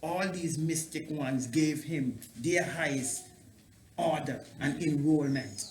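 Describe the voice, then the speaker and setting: A man's voice: fairly high pitch, takes it slowly, darkish tone. A man speaking as a Rastafarian priest in an interview, preaching in Rasta speech with patois grammar and emphatic repeated phrases. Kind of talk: preaching-like interview talk on theology. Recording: echoey room, clear background noise.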